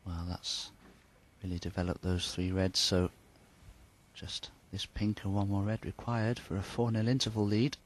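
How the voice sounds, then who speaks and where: Low, hushed male snooker commentator. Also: little pitch movement, moderate pace.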